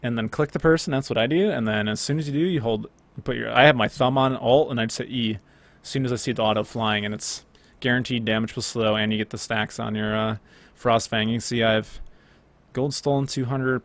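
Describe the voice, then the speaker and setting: A young man giving casual commentary over his own gameplay footage, chatty and relaxed, with many fillers and self-corrections. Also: mid-range voice.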